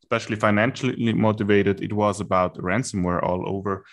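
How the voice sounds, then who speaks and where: Man with german accent, podcast guest, lower voice, steady and explanatory. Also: a little fast. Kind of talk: casual podcast chat.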